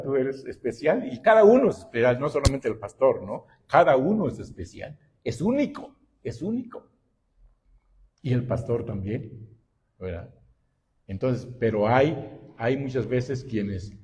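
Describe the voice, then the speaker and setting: Pastor que predica despacio y pausado. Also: male voice, medium pitch, dark tone, slight background noise. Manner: slow and deliberate, often adding "¿verdad?". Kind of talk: sermon. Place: church.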